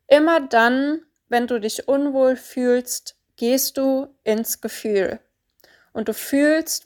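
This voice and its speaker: Slow-talking woman coach, kinda high voice, calm and deliberate, repeats stuff a lot. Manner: calm, deliberate, repetitive emphasis. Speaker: spiritual coach. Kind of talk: solo coaching monologue.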